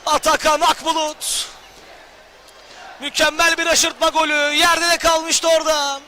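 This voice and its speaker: A man commentates live on football in a very high, excited voice. He is loud, and a clearly audible crowd and noise sit behind him. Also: a little slow. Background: noisy football crowd.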